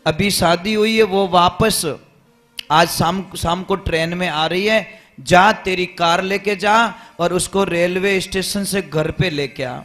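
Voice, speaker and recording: A man's voice: high-pitched, slow, a bit bright, faint music behind. A man with a Rajasthani accent preaching a devotional sermon, telling a family story and acting out its dialogue.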